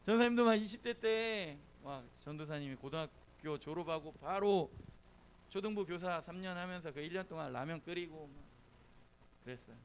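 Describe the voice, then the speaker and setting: A man's voice: on the high side, normal speed, slight background noise. A man giving a casual, humorous youth sermon in a church, telling stories and acting out quotes. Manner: chatty and humorous, slipping into acted quotes. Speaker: youth pastor. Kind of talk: casual storytelling sermon to teenagers.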